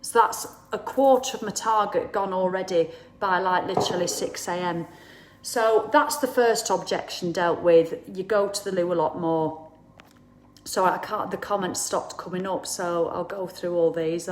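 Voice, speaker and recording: A fairly low, steady voice at normal speed comes from a woman in her 50s hosting a casual live chat with viewers. She's blunt and chatty, swears, and acts out quoted people, with reverb and slight background noise in the audio.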